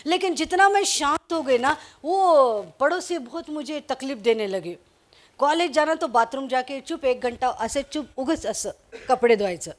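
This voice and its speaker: A woman, preaching to a youth gathering. She tells her own story as she goes and slips into for the lines she quotes. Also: sits high. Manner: storytelling, switching into Marathi for quoted speech. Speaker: pastor. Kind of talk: sermon with personal testimony.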